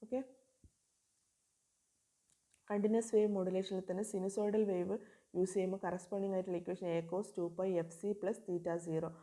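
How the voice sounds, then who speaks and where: A woman lecturing on communication systems, who reads English definitions slowly and then explains them in Malayalam. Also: mid-range voice, dark tone. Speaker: engineering lecturer.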